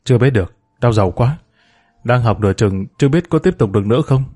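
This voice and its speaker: Man voicing a bitter young woman, blunt, brisk lines, audiobook. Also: mid-range voice, animated, dark tone, husky, faint music behind.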